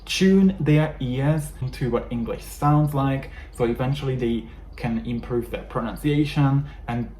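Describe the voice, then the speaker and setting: With a mellow voice of medium pitch, a Hungarian man speaks at a measured pace with few pauses. He has a Hungarian accent, is a native speaker of the language, and earnestly coaches viewers on learning English in a talking-head teaching video. There is faint background noise, and the room echoes.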